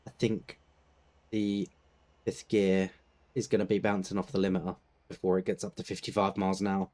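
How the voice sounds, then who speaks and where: British man, casual gaming chat, low mellow voice, relaxed, laughs a lot. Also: moderate pace. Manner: laid-back, laughs often, clears throat. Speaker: gaming channel host.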